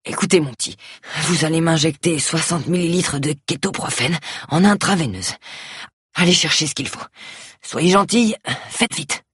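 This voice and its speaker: A woman's voice: low-pitched, moderate pace, husky, dry recording, studio quality. A woman voicing a groaning, haughty male doctor. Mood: pained, haughty. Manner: weak, groaning, commanding. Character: ailing, pompous middle-aged male doctor. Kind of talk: audiobook reading.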